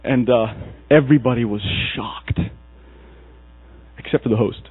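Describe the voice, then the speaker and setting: A medium-pitched Egyptian preacher talks a little slowly with no room sound, narrating his sermon as a story and animatedly impersonating its characters. The husky voice reaches us through a tinny, dry, phone-like recording with mains hum.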